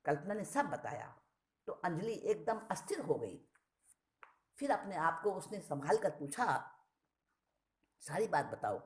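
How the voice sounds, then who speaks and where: A woman reading a short story aloud, expressive and often restating a word with a plainer synonym. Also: lowish voice, a little slow.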